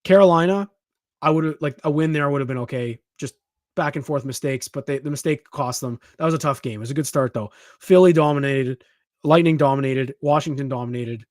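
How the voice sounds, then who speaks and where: Emphatic man talking sports, higher voice. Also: brisk, no echo, studio quality. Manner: emphatic, animated, frequent restarts. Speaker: podcast co-host. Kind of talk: casual sports talk.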